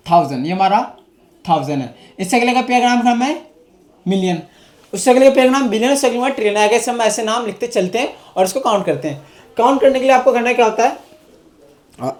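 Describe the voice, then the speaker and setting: Fairly high-voiced woman teaching maths. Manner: explains step by step, often checks with "clear?". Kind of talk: classroom-style math lesson.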